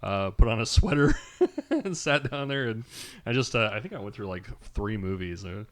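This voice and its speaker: A man co-hosting a podcast in casual chat, telling stories in a rambling, halting way and laughing a lot. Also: fairly low pitch, big pitch swings. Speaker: podcast co-host.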